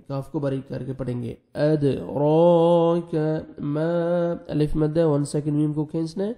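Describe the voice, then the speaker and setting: A man teaching tajweed, spelling letters quickly and then reciting each word slowly and drawn out. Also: a little high, dark tone. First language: Urdu. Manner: alternates rapid explanation with slow drawn-out recitation.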